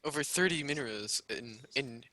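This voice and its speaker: A man casting a live video game match in a casual, rambling way, often laughing and getting excited. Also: medium pitch, normal speed. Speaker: game caster.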